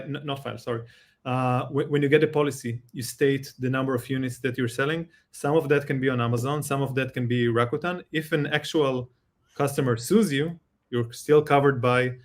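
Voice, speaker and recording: Israeli-accented man explaining insurance. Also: medium pitch. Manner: measured, explains with examples, halting rephrasing. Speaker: insurance expert guest. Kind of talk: live Q&A explanation.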